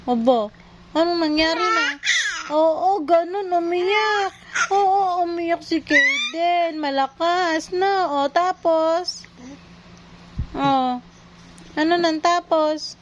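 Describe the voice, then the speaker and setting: Very high-voiced slow coaxing mother. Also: very animated, highs cut off, noisy background. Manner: coaxing, playful, slow questioning. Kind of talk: casual home video talking to a toddler.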